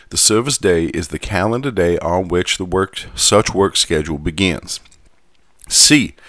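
Man putting on a low-voiced Southern gentleman reader. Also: dry recording, studio quality. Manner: Southern gentleman manner, measured and formal. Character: genteel Southern gentleman reading a union contract aloud. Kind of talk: scripted reading.

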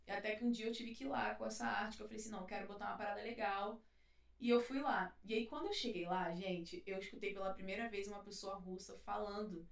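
A woman from Rio de Janeiro, chatting casually and telling a story full of slang. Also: medium pitch. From Rio de Janeiro, Brazil. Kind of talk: casual chat. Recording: roomy, distant mic.

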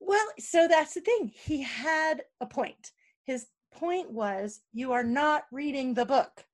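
A high-voiced woman telling stories as a podcast guest. She is animated, laughs often and acts out other people's lines as she goes. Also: slow. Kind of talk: casual storytelling interview.

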